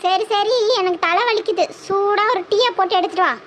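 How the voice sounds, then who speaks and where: A woman voicing a bossy, sharp-tongued old village grandmother with a Tirunelveli Tamil accent, scolding and giving orders in a cartoon. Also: very high-pitched, steady tone, fairly quick, a little hiss or hum. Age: older. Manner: scolding, commanding. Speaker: mother-in-law. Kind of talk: cartoon voice acting.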